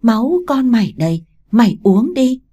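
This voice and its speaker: A menacing ghost mother hisses her demands and threats, put on by a woman reading the story. Her voice is dark and husky, pitched up over the narrator's own tone. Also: lively intonation, unhurried.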